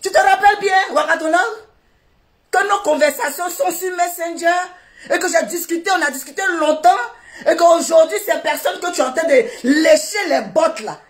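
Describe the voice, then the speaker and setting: A woman, shouting and mocking through an insult-laden livestream rant. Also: very high-pitched, normal speed. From Ivory Coast. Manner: shouting, mocking, laughing taunts.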